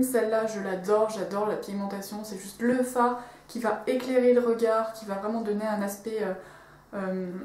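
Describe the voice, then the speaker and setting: A woman's voice: on the high side, a little mellow, reverberant. A woman reviewing a makeup palette in a casual, enthusiastic vlog, with many fillers and restarts. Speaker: beauty vlogger.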